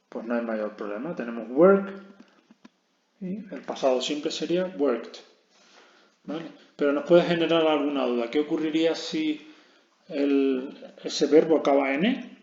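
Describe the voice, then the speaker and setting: A man with a gravelly edge to his mid-pitched voice walks through a recorded lesson one step at a time. He keeps checking in with the learners as he explains. The sound is dull and lo-fi, with a roomy echo around him. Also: a little mellow. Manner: explains step by step, constant "¿vale?" check-ins. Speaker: English teacher.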